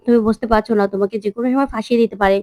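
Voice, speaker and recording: A woman's voice: on the high side, fairly even intonation, very fast, a little mellow, no echo, close to an everyday voice. A woman voicing a scheming young wife who urgently warns her husband, in a TV serial retelling.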